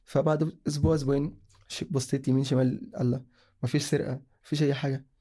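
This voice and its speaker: Speaking very fast at a medium, level pitch, this young man from Sudan has a dark, husky tone. As a guest, he rambles casually through his own story and keeps correcting himself partway through sentences.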